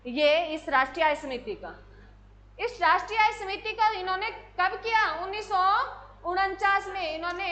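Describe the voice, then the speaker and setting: High-voiced teacher drilling exam facts. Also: female voice, bright, forceful tone. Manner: drills with repeated questions and answers, calls students "my children". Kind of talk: exam-prep classroom lecture.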